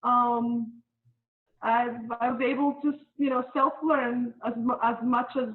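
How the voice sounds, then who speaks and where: A woman's voice: fairly high pitch, steady tone, unhurried. A middle-aged woman from Bosnia and Herzegovina, interviewed as a guest, speaking hesitantly with many fillers and restarts. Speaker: interview guest, volunteer mask maker. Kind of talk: casual interview. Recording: tinny phone-like line.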